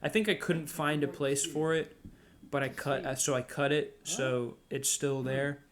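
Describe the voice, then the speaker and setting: A man's voice: a little high, flat delivery, unhurried. A man rambling through a casual director's commentary, full of fillers and restarts. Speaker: video creator giving a director's commentary. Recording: talk over loud video sound with crowd noise.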